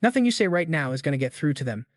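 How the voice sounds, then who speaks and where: A man voicing a gentle, soothing young woman. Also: a little high, sing-song, very fast, no echo, clean studio sound.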